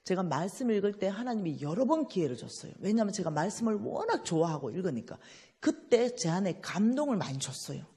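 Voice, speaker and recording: Female preacher, Gyeongsang accent, husky, very lively pitch, acts out her story. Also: a little fast, big-room sound. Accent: Gyeongsang Korean. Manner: animated storytelling, acting out dialogue. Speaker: church finance speaker. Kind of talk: lively testimony sermon.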